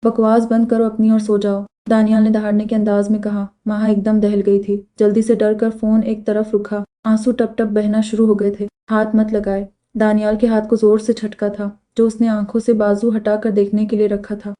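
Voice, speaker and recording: A woman narrating a romance novel aloud in an even, steady storytelling voice. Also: mid-range voice, moderate pace, hardly any pauses. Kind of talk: scripted novel reading.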